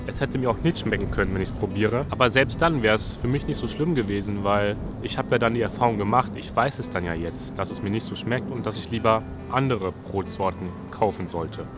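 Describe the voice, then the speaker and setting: Young man vlogging outdoors, low voice. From Germany. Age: young adult. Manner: relaxed, chatty, thinking aloud. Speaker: YouTuber. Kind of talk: casual vlog talk to camera. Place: outdoors by a city riverside railing. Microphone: selfie camera at arm's length.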